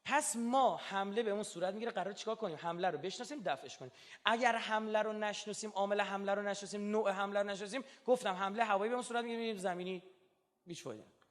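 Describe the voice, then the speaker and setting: Male preacher, high voice, bright tone, lively emphatic lecture delivery. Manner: animated, rising to emphatic outbursts, chants Quranic verses. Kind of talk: religious lecture.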